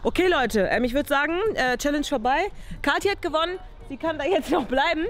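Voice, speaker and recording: Hosting a challenge vlog, a young woman chats casually in a high-sitting voice at a slightly fast pace. The camera records her outside next to an open car boot in a parking lot, and music plays in the background.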